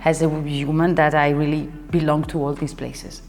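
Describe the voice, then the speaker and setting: In relaxed interview talk, a young Italian choreographer and dancer laughs often and restarts sentences while searching for words. Her low voice is slightly mellow and level in tone, heard with hall reverb and quiet music behind.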